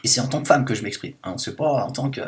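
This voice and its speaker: A man at medium pitch and a quick pace, in a natural voice, plays a self-declared liberated woman in a satirical monologue. He rambles on with endless fillers, mock-indignant and plainly indignant.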